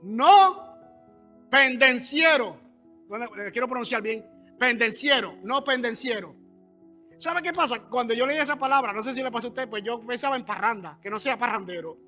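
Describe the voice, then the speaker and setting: High, bright-voiced pastor preaching. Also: male voice, lively intonation, fairly quick, soft background music. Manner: conversational preaching with asides and questions to the congregation. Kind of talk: sermon. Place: church.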